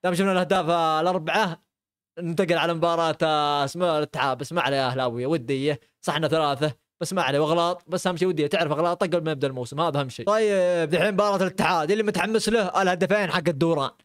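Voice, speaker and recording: A man's voice: fairly high pitch, very fast, no room sound, clean studio sound. A young man from Arabia, reacting to football clips with frequent exclamations and laughter. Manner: excitable, exclaims and laughs often. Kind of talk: live reaction commentary.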